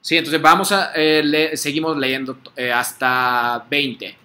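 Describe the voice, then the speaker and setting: A man teaches a class, pausing often to check that his students follow. His voice is fairly high for a man and sounds bright and sharp. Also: fairly even intonation. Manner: patient, repeats words for students to echo, frequent "¿sí?" checks. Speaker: Japanese language teacher. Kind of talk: online class drill, call and repeat.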